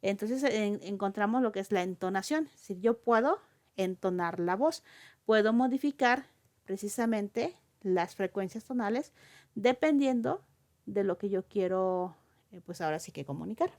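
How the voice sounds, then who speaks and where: A woman's voice: medium pitch, animated, moderate pace, a little mellow. A woman lecturing on oral communication, explaining step by step with frequent fillers and checking questions. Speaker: teacher.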